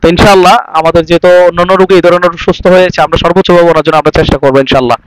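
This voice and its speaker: A man's voice: fairly high pitch, steady tone, racing, a little hiss or hum, low-quality recording. A man working as a religious healer, questioning a family and then preaching to viewers with Arabic blessings.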